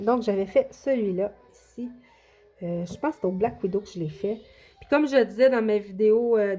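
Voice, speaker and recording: A woman's voice: medium pitch, warm tone. A woman with a Québécois French accent chatting casually through a show-and-tell of her coloring books, hesitant, with many fillers and restarts. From Quebec. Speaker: coloring book YouTuber.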